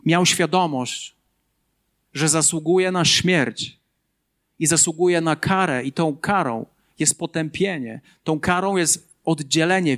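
High-voiced pastor preaching with repetition. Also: male voice, a bit bright. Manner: earnest preaching with emphatic repetition. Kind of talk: sermon.

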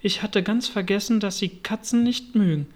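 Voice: mid-range voice, moderate pace, lightly acted. A reader voicing a polite, well-meaning young girl in a storybook reading, with an eager, apologetic, chattering manner.

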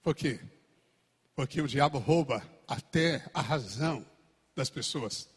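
Brazilian pastor guy, loud then soft, raspy-ish, big long echo. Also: medium pitch, measured pace. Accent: Brazilian Portuguese. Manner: animated, swings between shouting and quiet asides. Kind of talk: sermon. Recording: echoey church hall.

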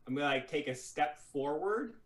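A man playing a tabletop game, joking and hesitant, with many pauses and fillers. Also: a little high, animated. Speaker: player.

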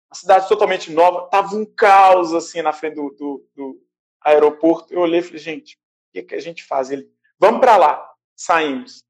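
A Brazilian man casually recounting a stressful arrival on a trip, animated and acting out the people he met, laughing now and then. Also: sits high. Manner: animated, acts out quoted voices, laughs often. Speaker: traveler recounting his trip. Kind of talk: casual storytelling. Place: a small shared house, indoors.

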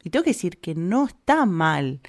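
A woman from Argentina with an Argentine accent, chatting casually to camera in an animated, opinionated way full of fillers. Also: fairly low pitch, moderate pace. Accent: Argentine Spanish. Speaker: vlogger.

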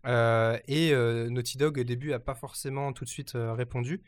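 A man hosting a casual news chat, often pausing and restarting his sentences. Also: medium pitch, steady tone. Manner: hesitant, many fillers and restarts.

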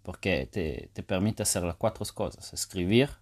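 Low-voiced hesitant podcast man. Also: expressive, moderate pace. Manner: hesitant, many fillers and restarts. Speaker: podcast host. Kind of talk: casual solo podcast talk.

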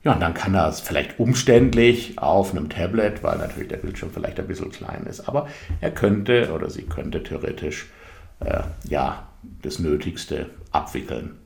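A man's voice: low voice, sing-song, normal speed, vocal fry, a little mellow. A man talking through a casual explanatory monologue as a podcast host, conversational, with many fillers. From Germany. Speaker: podcast host and software consultant. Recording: echoey room.

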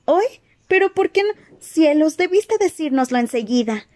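Una mujer que lee un audiolibro y pone la voz de una joven bruja lista e impaciente, aguda y apresurada. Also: female voice, fairly high pitch, dark tone, voice pushed up, natural voice. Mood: anxious. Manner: quick, anxious, insistent. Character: eager clever teenage witch girl. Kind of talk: audiobook character voice.

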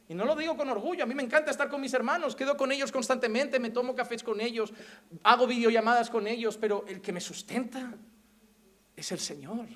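A man with a Spain Spanish accent preaching a sermon as pastor, emphatic and animated, full of rhetorical questions. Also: very high voice.

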